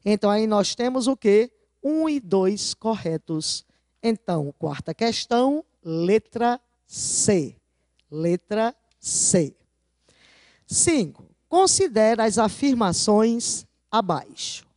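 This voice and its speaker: In a video lesson, a female teacher goes over exam answers, often posing rhetorical questions to her class and slowly stressing key words. Her mid-range, darkish voice has lively intonation, and the audio is studio quality with no echo.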